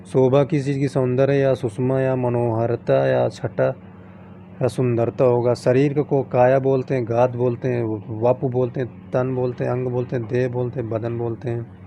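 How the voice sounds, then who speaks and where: A man's voice: medium pitch, level tone, normal speed, mellow, a little hiss or hum. A man teaching an exam-prep lesson, rattling off long lists of synonyms in set phrases and reminding students what to memorise.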